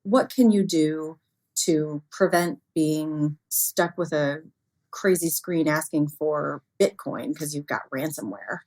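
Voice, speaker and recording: Her voice is low and darkish in tone, and she speaks slowly on a rough recording. This woman is an expert interview guest who keeps things informal and conversational, drawing on everyday examples, chuckling frequently and performing quotes as illustrations.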